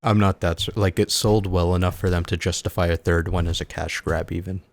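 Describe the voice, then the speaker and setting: A man co-hosting a casual podcast, chatting about video games and telling stories with lively acted-out quotes. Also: deep voice, fairly quick, no echo. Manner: chatty, animated storyteller who acts out quotes. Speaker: podcast co-host.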